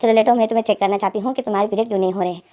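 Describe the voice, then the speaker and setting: A woman's voice: medium pitch, steady tone, racing, mellow, voice pushed down, close to an everyday voice. A woman voicing a stern, insistent female doctor in a told story, firm and lecturing. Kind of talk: storytelling with acted dialogue.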